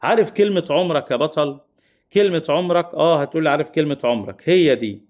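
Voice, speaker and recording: A man teaching English grammar to exam students in an Egyptian Arabic accent, with a fairly high voice. He talks to them fondly and repeats every key point. He slows down to stress the important words. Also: muffled recording. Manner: repetitive, addresses students as heroes and dears. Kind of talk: exam-prep grammar lesson.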